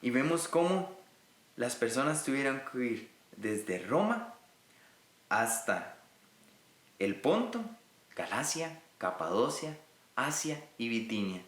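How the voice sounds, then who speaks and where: Earnest teacher, lively. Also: male voice, medium pitch, slow, reverberant. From Costa Rica. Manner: earnest, addresses listeners directly. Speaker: Bible teacher. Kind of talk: recorded Bible lesson.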